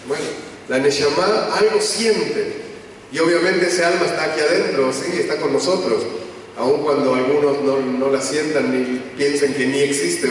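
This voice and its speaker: A man, a rabbi giving a measured, explanatory lecture in a large temple. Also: on the high side, slight background noise. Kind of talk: synagogue lecture. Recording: echoey hall from far off.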